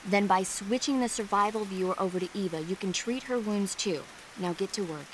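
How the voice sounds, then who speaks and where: A calm female field medic played by an actress in a cinematic game. She speaks at a medium pitch, firm yet reassuring. A faint hiss lies under her voice. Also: brisk, natural voice, low-quality recording. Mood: reassuring, instructive. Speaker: medical support. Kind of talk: cinematic video game voice acting.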